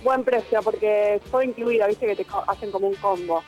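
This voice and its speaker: A woman's voice: mid-range voice, brisk, faint music behind. A woman in her twenties with a Rioplatense accent, calling into a radio show and chatting casually. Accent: Rioplatense Spanish. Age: 20s. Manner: chatty, relaxed. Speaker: caller. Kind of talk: casual phone chat.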